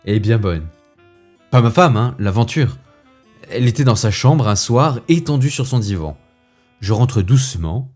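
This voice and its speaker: A man playing a fussy, indignant gentleman who rants with theatrical asides, as in a comic stage monologue. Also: mid-range voice, lively intonation, normal speed, faint music behind, voice pushed up, lightly acted. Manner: huffy, ranting, theatrical asides.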